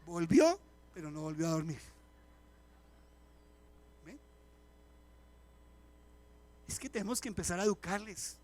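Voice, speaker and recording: During a live church sermon, a high-voiced male pastor speaks at a measured pace with long pauses. He is animated and chatty before the congregation, sharing humorous stories and asking its members direct questions.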